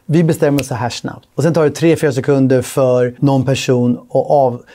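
A man's voice: mid-range voice, steady tone, dark tone. A man giving casual reaction commentary as a sales coach, blunt and opinionated, acting out sales calls.

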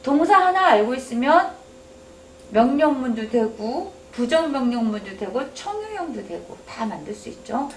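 A woman teaching English to older students, slowly drawing out and exaggerating example phrases. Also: high voice, sing-song, slight background noise. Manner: drawn-out, exaggerated English drills. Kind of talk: classroom lesson. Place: senior welfare center classroom. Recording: echoey room, distant mic.

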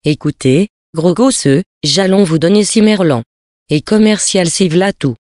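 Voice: medium pitch, a little slow, darkish tone, no room sound, close to an everyday voice. A reader voicing a coarse, bold fishwife who haggles and teases in slangy, brash speech, recorded dry. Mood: mocking.

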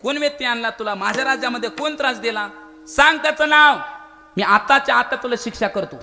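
A man playing a loud, commanding King Rama. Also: very high-pitched, steady tone, moderate pace, pitched above the performer's own voice, heavily acted. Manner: loud, raised, commanding questions. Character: Lord Rama, a kind, protective male king. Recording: echoey hall with instrument music.

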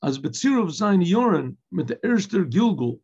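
Older rabbi teaching, husky dull audio. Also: male voice, high voice, big pitch swings, moderate pace, darkish tone. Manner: mixes English with Yiddish and Hebrew phrases, asks and answers his own questions. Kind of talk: Torah class explaining a Hebrew text. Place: indoor room with bookshelves. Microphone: webcam video recording.

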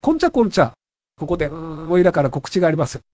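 A woman's voice: low voice, sing-song, fast, noisy background. A woman giving a casual announcement about her events to viewers.

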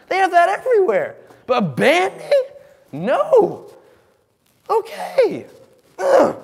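A young man doing a comic teacher impression of a fussy, earnest teacher who speaks deliberately and gets easily exasperated. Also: extremely high pitch, long reverb tail, heavily acted. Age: young adult. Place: school classroom.

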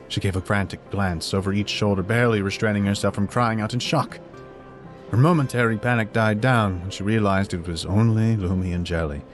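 A man with a very low voice narrates a fan fiction story in an even, measured way. Faint music plays quietly behind his reading.

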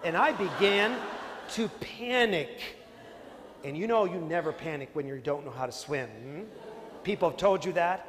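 A Canadian priest giving a sermon as a comic storyteller, swinging between loud bursts and hushed passages. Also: male voice, fairly high pitch, expressive, moderate pace. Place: large convention hall. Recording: long hall reverb, faint noise.

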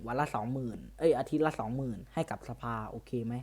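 A man's voice: medium pitch, fast, a little mellow, breathy edge. A man running a roleplay server, interviewing players over voice chat in a blunt, crude, teasing way. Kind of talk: casual voice chat.

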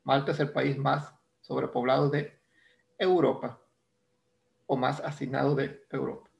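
A man's voice: mid-range voice, level tone, unhurried, creaky. A male English teacher with a Mexican Spanish accent, explaining grammar step by step in a recorded lesson and checking in with "¿no?" as he goes. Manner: explains step by step, repeats terms, asks "¿no?".

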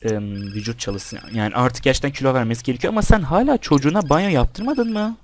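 A man's voice: mid-range voice, animated, quick pace, darkish tone. A young man giving casual let's-play commentary, chatting with the game's characters and with his viewers as he plays. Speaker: gameplay commentator.

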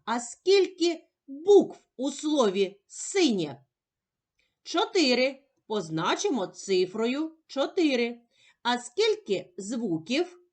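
A woman teacher with a Ukrainian accent, giving a slow, clearly enunciated phonics lesson to young children in a gentle, sing-song manner. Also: a little high.

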